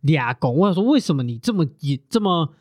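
A man, co-hosting a podcast and telling stories loudly and animatedly in casual chat. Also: fairly high pitch, quick pace, dry recording, studio quality. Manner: loud, animated storytelling. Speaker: podcast co-host.

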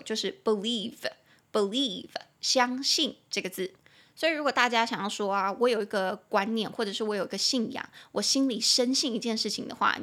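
A young woman with a Taiwanese Mandarin accent teaches English on a podcast. Her voice sits a little high, and she talks in a chatty, lively way. She spells words out letter by letter and slows down to repeat key words. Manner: chatty, lively explanations with playful acted examples.

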